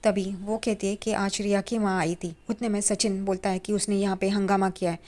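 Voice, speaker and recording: Woman, mid pitch, casual conversational recap of a drama episode, slips the characters' lines into her retelling. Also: level tone, brisk, darkish tone. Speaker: TV serial recap narrator.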